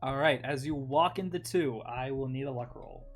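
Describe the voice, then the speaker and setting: A man runs a tabletop game as game master, his voice mid-pitched and ordinary. He keeps stopping and restarting his sentences, and faint music plays under him. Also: normal speed. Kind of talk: running a tabletop game over voice chat.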